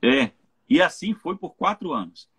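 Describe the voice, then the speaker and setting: Man, Brazilian accent, pastor, informal live Bible talk, husky tone, checks in with listeners. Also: sits high, big pitch swings, moderate pace, a bit bright. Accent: Brazilian Portuguese. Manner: informal, keeps checking in with tag questions. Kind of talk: conversational Bible teaching on a live stream.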